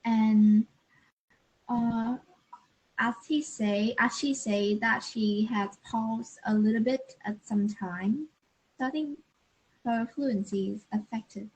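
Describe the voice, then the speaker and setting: A woman's voice: a little high, steady tone, takes it slowly, a little mellow, breathy edge, poor audio. A young adult woman student, speaking hesitantly in English practice. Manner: hesitant, careful.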